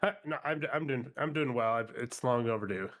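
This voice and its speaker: A man's voice: mid-range voice, fairly quick, fairly bright tone. A man with a slightly nasal, post-nose-surgery voice, chatting casually as a livestream guest in a hesitant, self-effacing way that repeats words. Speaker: guest, video creator on a game channel.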